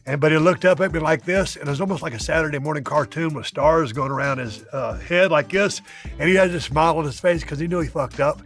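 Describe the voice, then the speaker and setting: Man, slightly high voice, emphatic punchy storytelling, faint music. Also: fast, fairly bright tone. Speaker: wrestler telling a story. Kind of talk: interview storytelling.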